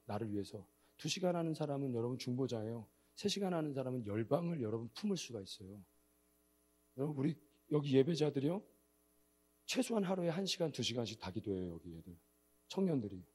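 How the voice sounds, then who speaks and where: Animated male missionary preaching. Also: mid-range voice, slightly rough. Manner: animated storytelling, swinging between quiet asides and loud outbursts. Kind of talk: sermon. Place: church sanctuary.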